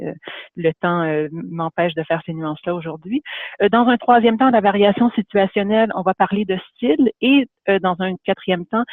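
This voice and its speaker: High-voiced man lecturing over tinny audio. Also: no room sound. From Canada. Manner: hesitant, frequent fillers and restarts. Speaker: webinar presenter. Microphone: computer or headset mic on a video call. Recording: tinny dry phone-like webinar audio.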